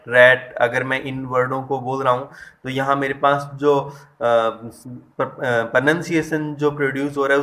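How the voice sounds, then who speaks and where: A man's voice: medium pitch, fairly bright tone. A man teaching English vowel sounds, explaining step by step, stressing example words and often correcting himself. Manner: explains step by step and addresses students directly; frequent hesitations and self-corrections. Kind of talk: online lesson.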